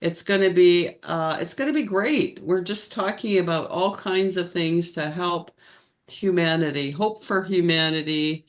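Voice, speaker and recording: A woman co-hosting a casual live-stream chat, stretching her words like a show announcer. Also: lowish voice. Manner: slow, drawn-out announcer-style delivery. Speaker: co-host.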